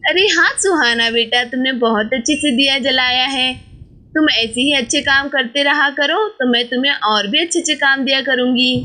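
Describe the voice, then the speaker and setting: A woman's voice: high-pitched, normal speed, pushed and bright. A woman voicing a caring young village mother in a doll story. She talks in coaxing, motherly chatter.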